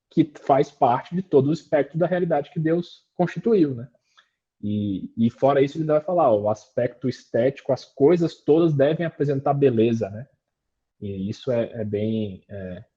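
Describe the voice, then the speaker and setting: A man's voice: mid-range voice, warm tone, slightly rough, highs cut off. A man leading a book study discussion, explaining his ideas thoughtfully and often checking in with tag questions.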